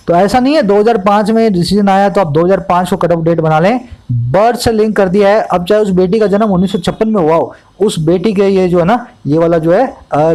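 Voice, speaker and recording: A man tutoring English, explaining a newspaper editorial in Hindi mixed with English terms and reading the English sentences out slowly, word by word. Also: sits high, a little mellow, low-quality recording. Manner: teacherly, asks the class questions, reads English slowly word by word.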